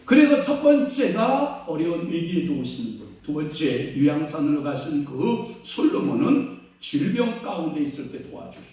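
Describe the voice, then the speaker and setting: A male pastor delivers a sermon in a somewhat high, very animated voice, pitching questions to the congregation and answering them himself. He drops to a hush, then rises to loud exclaiming. The sound is heavily echoey, picked up from a distance in a large church sanctuary. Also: normal speed. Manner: call-and-response questions to the congregation; swings between hushed and loud exclaiming.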